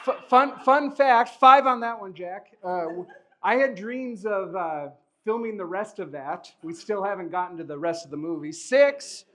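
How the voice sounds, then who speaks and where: A man's voice: high voice, animated, normal speed, pushed and bright. A man performing as a magician at a live show, joking and encouraging a volunteer with chuckling banter. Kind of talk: live stage patter with a volunteer. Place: live show in front of an audience.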